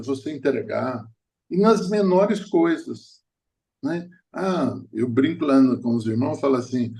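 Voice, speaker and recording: A middle-aged man preaching a sermon as a prophet speaks in a somewhat high, slightly mellow voice. He tells personal stories, restarts hesitantly and often, and laughs at his own tales.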